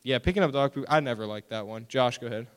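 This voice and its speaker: A young man leads a youth group sermon, his smooth voice ringing with long reverb through a hall. He talks casually with the kids and acts out stories in exaggerated whiny voices. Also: mid-range voice, quick pace. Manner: animated storytelling with mock-whiny quoted voices. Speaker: youth pastor.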